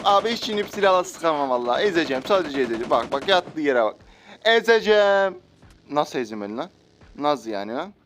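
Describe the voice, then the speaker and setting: A man with a high-pitched voice commentates his own gameplay, taunting opponents and chatting to his viewers. Faint gunfire and clicks sit under his voice. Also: slight background noise. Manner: taunts enemies and chats to viewers. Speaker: gaming YouTuber.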